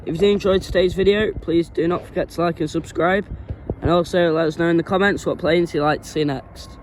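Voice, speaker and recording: A man's voice: fairly high pitch, steady tone, a little fast, a little mellow, slight background noise, low-quality recording. A man narrating casually as the host of a plane spotting video.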